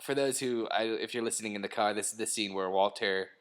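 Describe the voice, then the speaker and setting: A man's voice: on the low side, fast talker, clear, resonant tone. A young man co-hosting a casual commentary chat about a TV episode, joking around and trying out mock impressions. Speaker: podcast co-host.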